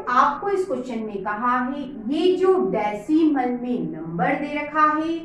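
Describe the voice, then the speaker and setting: A woman teaching maths to children at a board, patient and asking her own questions aloud. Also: sits high. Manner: patient, calls pupils "beta", asks and answers her own questions. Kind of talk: whiteboard maths lesson for children. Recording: very echoey room, faint noise.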